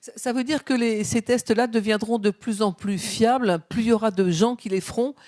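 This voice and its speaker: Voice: mid-range voice, steady tone, normal speed, a little mellow, dry recording. An interviewer asking short, probing follow-up questions in a conference conversation.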